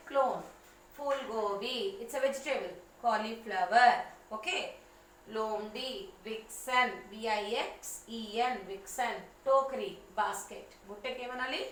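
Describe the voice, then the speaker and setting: A woman's voice: fairly high pitch, fairly bright tone, slight background noise. A female teacher, patiently teaching young children, repeating and spelling words out one by one. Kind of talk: online class lesson. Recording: echoey room, far from mic, faint ambience.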